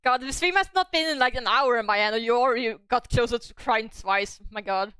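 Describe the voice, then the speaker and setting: A woman's voice: on the high side, fairly quick, fairly bright tone, clean tone, dry recording. A woman chatting casually with a streamer and teasing them. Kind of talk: casual chat.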